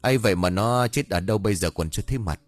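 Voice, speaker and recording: A man's voice: fairly low pitch, racing, no room sound, natural voice. A man voicing a grumpy, cunning old male exorcist who scolds and mutters curses in a ghost story. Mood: gruff grumbling.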